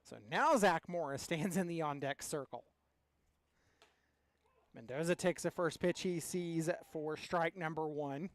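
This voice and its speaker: A man's voice: fairly high pitch, unhurried, dry recording. A man giving live play-by-play commentary as a baseball announcer.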